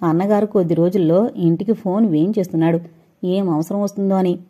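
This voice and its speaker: Female narrator, warm mellow voice, steady audio novel read. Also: on the low side, a little fast, husky, dull audio. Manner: steady storytelling reading.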